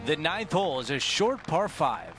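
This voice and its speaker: A man's voice: fairly high pitch, sing-song, normal speed, over music. A man playing a composed television golf commentator, calling a tournament play by play. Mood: composed, attentive. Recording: crowd and outdoor noise behind.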